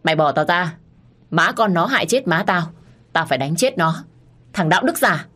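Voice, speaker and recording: A woman voicing a hot-tempered young man who shouts and threatens in an audio story. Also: fairly low pitch, lively intonation, normal speed. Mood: furious.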